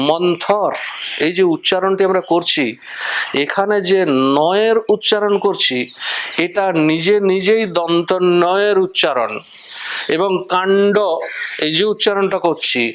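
A man explaining the letters and their sounds in a measured, step-by-step spoken lesson, listing examples one by one. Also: high-pitched, background noise. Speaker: teacher of Bengali script.

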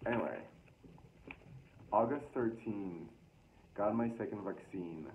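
Speaking slowly in a lowish voice, this early-twenties man reads aloud from his diary in a small room, tossing in embarrassed, self-mocking remarks as if vlogging to a camera. The audio is thin, phone-like and loudly noisy.

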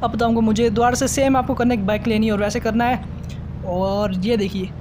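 A man hosting casual mobile gameplay commentary, chatty and excited, exclaiming at what happens on screen. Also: high-pitched, moderate pace, noisy background. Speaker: mobile gaming channel host. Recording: game sounds under the voice.

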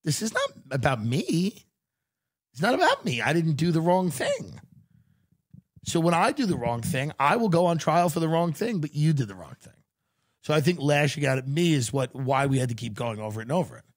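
Podcast host, male, slightly high voice, lecturing tone, stammers and restarts, mimics others mockingly. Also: huge pitch swings, brisk. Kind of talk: casual chat.

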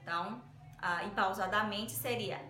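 A woman's voice: medium pitch, moderate pace, pushed and bright, a little hiss or hum. A woman teaching English pronunciation in a casual video lesson, upbeat and explaining step by step with frequent checks on her listeners. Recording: echoey room.

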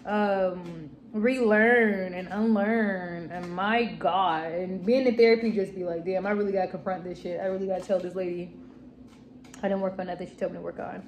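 A young woman from the Chicago area vlogs into a phone camera held close, first from a car's backseat and then in a small kitchen and living room. Her voice is medium-pitched with fairly even intonation at normal speed, and a little hiss or hum is audible. The chat is casual, candid and self-mocking.

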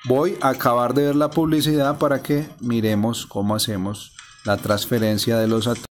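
A man calmly narrating a phone game walkthrough step by step. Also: mid-range voice, moderate pace, soft background music. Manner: explains step by step, calm and methodical. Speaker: gameplay narrator. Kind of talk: casual screen-recording walkthrough. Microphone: voice-over on a phone screen recording.

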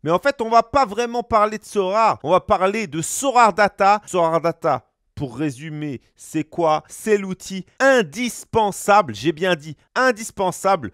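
A man hosts a casual tutorial over his screen capture, speaking right to the viewer. His voice sits fairly high and swings up and down a lot, full of fillers as he clicks around. The recording is close and dry, with no room sound. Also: no echo. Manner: chatty, lively, addresses viewer directly with many fillers. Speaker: YouTube host.

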